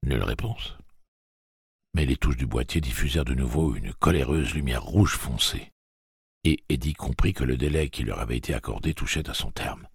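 A man reading a novel aloud as the narrator, in a steady, expressive way. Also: a bass voice, a little fast, creaky, breathy edge, dry recording, studio quality. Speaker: audiobook narrator. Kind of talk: scripted narration.

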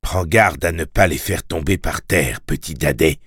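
A man voicing a gruff, harsh stepfather in a storybook, curt and scolding. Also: deep voice, animated, takes it slowly, sharp tone, dry recording, clean studio sound, heavily acted. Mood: muttering.

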